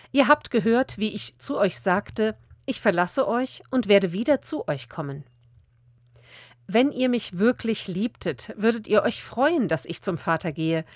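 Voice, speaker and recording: A woman reads scripture aloud in a calm, measured delivery. Her voice sits at an ordinary middle pitch. The recording is close and dry, with no room sound. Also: no room sound. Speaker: Bible reader. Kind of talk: scripted Bible reading.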